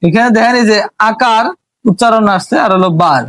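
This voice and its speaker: Male English teacher with a Bangladeshi accent, fairly high voice, slow and explanatory, close dry recording. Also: a bit bright, dry recording. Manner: slow, explanatory, drawing out letter sounds. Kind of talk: classroom lesson on pronunciation.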